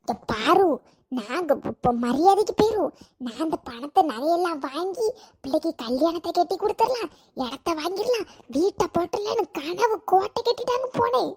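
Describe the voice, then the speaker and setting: Sobbing, scolding wife. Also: female voice, extremely high pitch, animated, normal speed, a little mellow. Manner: sobbing while scolding, laughing through tears. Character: tearful village wife grieving lost treasure. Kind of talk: cartoon voice acting.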